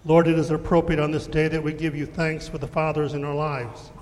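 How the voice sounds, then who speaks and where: A man leading formal congregational prayers as a pastor, reverent and deliberate, in an echoing church. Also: a little high, little pitch movement, a little mellow. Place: church interior during a service. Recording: long reverberant church echo.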